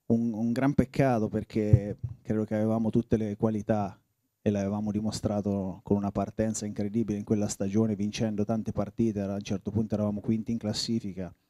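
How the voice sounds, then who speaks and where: Italian man in his forties, very dark mellow low voice, dry close sound, halting reflective storyteller. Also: no echo. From Italy. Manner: reflective, halting, often restarts phrases. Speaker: former footballer. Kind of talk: reminiscing interview.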